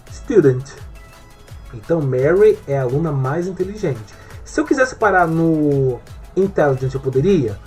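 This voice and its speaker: A man's voice: on the high side, a little mellow. A male English teacher giving an online grammar lesson in Portuguese, explaining step by step and often checking that the viewer is following.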